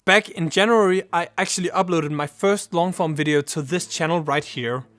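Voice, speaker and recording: Talking to camera in a scripted vlog, a young Danish YouTuber earnestly advises viewers on how to start a channel. He speaks Danish natively and has a fairly high, slightly bright voice at normal speed, recorded with no echo.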